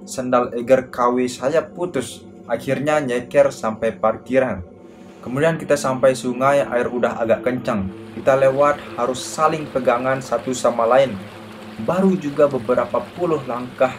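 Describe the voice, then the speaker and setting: A man tells a horror story in a relaxed, conversational voice. His pitch sits in the middle and his delivery stays casual and slangy. A steady hiss of background noise runs under the whole recording. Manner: casual, slangy first-person retelling.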